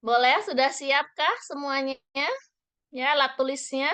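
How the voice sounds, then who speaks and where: Brief: woman workshop trainer, unhurried and bright-toned, keeps quizzing the room. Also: high voice. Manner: lively, asks the audience many questions. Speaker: trainer leading a parenting workshop. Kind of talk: interactive workshop talk.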